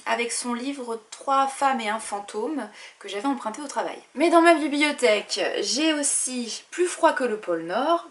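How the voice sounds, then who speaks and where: A young woman talks through her book collection for a casual vlog. Her voice sits a little high for a woman. She reels off titles and publishers with small asides and the odd hesitation. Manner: listing titles and publishers with asides, some fillers. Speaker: book vlogger. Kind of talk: casual book haul presentation.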